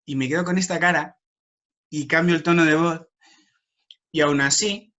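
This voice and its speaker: A man leads an online workshop, talking with passion. His delivery is emphatic, and he hammers home his points. His voice sits somewhat high for a man. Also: steady tone, moderate pace, bright, forceful tone, muffled recording. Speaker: workshop presenter.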